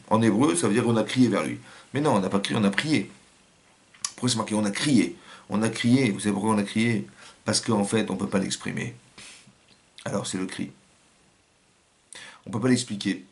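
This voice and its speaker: Gravelly-voiced French rabbi teaching. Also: male voice, fairly low pitch, moderate pace, pauses often. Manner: acts out little scenes and quotes with shifting voice. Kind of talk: religious lesson.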